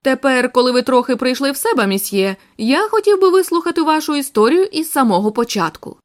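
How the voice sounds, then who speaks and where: A shrewd elderly detective who speaks calmly and firmly, voiced by a woman narrator. The voice sits high and moves around a lot in pitch. It comes from a story reading. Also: brisk. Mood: measured.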